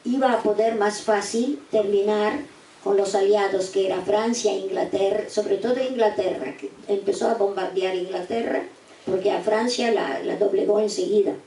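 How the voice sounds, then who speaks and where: A woman's voice: mid-range voice, fairly even intonation, mellow. Elderly woman speaking from far off in an echoey hall. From eastern Poland. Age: 80s. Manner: slow, deliberate, with repeated restarts. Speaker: guest speaker giving survivor testimony. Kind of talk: spoken testimony to students. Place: university auditorium. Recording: echoey room, distant mic, faint noise.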